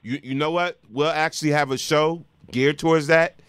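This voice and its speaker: A man hosting a call-in show like a morning radio DJ, chatting informally, repeating phrases and giving shout-outs. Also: fairly high pitch, fairly even intonation, normal speed, clear, resonant tone, no echo, studio quality.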